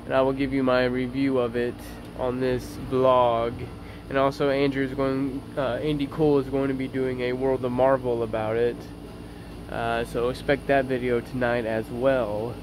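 A man's voice: mid-range voice, flat delivery, normal speed. A young man in his twenties talks cheerfully to a phone held at arm's length, wandering from point to point with plenty of "uh"s. The recording has plain background noise from outside. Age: 20s. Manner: upbeat, rambling with many fillers. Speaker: vlogger. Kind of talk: casual vlog chat. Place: outdoors beside a house, and a kitchen. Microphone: handheld phone camera at arm's length. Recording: noisy outdoor phone recording.

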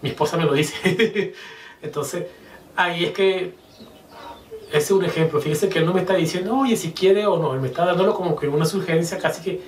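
A man explains Chinese grammar in a patient teaching manner, pausing to repeat example phrases slowly. His voice sits a little high. The sound is roomy and echoey, with the mic some distance away and a faint hiss behind. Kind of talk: whiteboard lesson explaining grammar.

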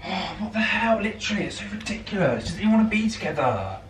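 A man's voice: high voice, big pitch swings, fast talker, a bit bright. A young man, snapping back in exasperation during a prank at home. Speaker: prank target. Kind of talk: casual prank vlog. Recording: echoey room, distant mic, faint hum.

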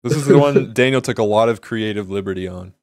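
A man's voice: lowish voice, fast talker, a little mellow, no echo, clean studio sound. A man hosting a casual, joking chat among friends. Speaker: host of friends' dub contest.

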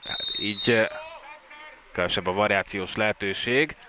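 Male sports commentator, excitable live match delivery, fairly low voice with a forceful, bright edge. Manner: excited, voice rising at key plays.

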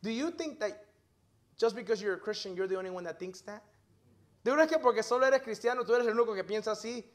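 High-voiced bilingual preacher man. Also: quick pace. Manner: switches between English and Spanish line by line, calling out "hermano"; energetic, rising loud on key words, then dropping to low asides. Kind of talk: bilingual sermon, preaching and translating himself. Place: church service.

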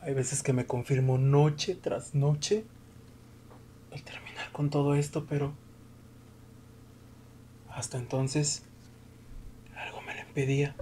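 Casting: male actor as exhausted, hopeless young man, dramatic monologue, flat mid-pitched delivery, halting and breathy. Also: close to an everyday voice. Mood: sombre, resigned. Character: despairing, exhausted young man weary of life. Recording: clear background noise.

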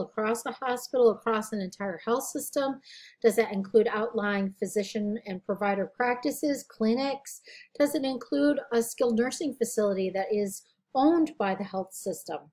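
A woman with a slightly high, scratchy voice delivers a recorded lecture. She talks in a casual, conversational way, correcting herself as she goes and asking questions she answers herself. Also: darkish tone. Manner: conversational, self-correcting, asks rhetorical questions. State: scratchy, tired voice. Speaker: college instructor.

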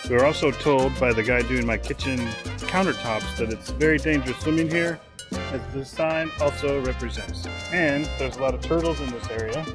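A man's voice: medium pitch, moderate pace, music in the background. A man in his forties chatting casually as a travel vlogger, filming outdoors at a beach and in a car. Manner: chatty, joking tour-guide talk.

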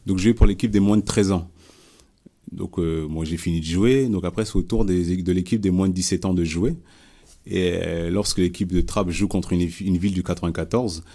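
A man's voice: low-pitched, warm tone. A man from France leading a Bible study, preaching informally and sharing a testimony, talking conversationally with frequent repeats and restarts.

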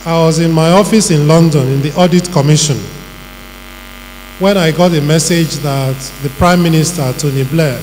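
A middle-aged man with a Nigerian accent giving a measured, emphatic public talk and listing his points one by one. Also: fairly high pitch, darkish tone. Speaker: panel speaker on governance. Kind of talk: public talk answering questions. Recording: reverberant hall with faint hum.

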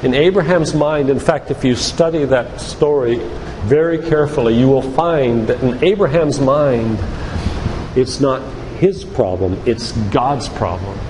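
Speaking at medium pitch and a measured pace, an older physician delivers a sermon-style faith lecture to a congregation, driving points home with rhetorical questions. The church hall is echoey, and background noise can be heard.

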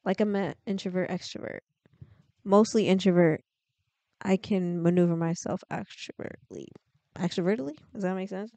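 A woman's voice: lowish voice, normal speed, vocal fry, warm tone, dry recording. A woman hosting a reaction video, chatting casually with giggly, rambling asides.

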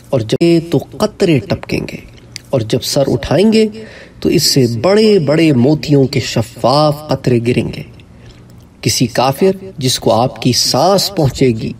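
A man with a Pakistani Urdu accent delivers an earnest religious lecture, pressing hard on his points. His voice is husky and a little breathy. He sounds set back from the microphone. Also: a little mellow, distant mic. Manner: earnest, emphatic preaching, rising in pitch when stressing points. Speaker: Islamic preacher.

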